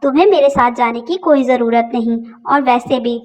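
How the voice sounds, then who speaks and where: A woman's voice: a little high, moderate pace, a little mellow, natural voice. A woman voicing an exasperated young husband who scolds his wife. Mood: angry. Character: fed-up young husband, short-tempered.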